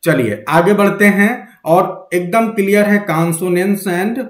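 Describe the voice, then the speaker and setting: Male literature teacher, higher voice, live class in a roomy echo, coaxing and quizzing. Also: slow pace. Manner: coaxing, quizzes students, mixes English terms into Hindi.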